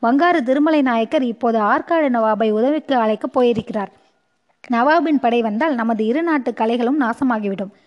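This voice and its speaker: A woman's voice: a little high, moderate pace, muffled recording, close to an everyday voice. A woman reading as a proud, commanding queen. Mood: scheming. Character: proud middle-aged queen, quick to anger.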